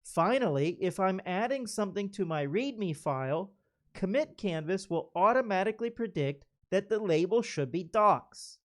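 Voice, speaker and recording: A man presenting a prepared conference lightning talk, speaking in a deliberate, carefully enunciated way. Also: sits high, lively intonation.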